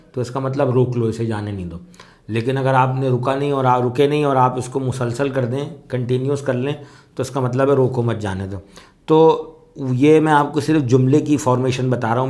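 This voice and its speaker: A man teaches a class on soz recitation, speaking at middle pitch. His delivery is measured and explanatory, with frequent fillers, as he walks his students through each point. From Pakistan. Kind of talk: spoken lesson.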